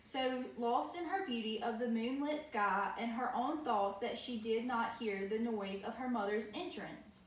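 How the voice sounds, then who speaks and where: A woman gives a dramatic story reading in a fairly high voice. She sounds a little distant in an echoey room, with faint noise. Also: a little slow, hardly any pauses.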